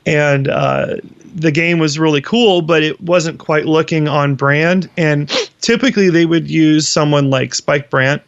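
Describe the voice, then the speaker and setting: Gravelly man in his thirties. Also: on the high side, measured pace, dry recording, dull audio. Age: 30s. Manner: explains at length, with fillers. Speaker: animation consultant. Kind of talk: casual interview talk.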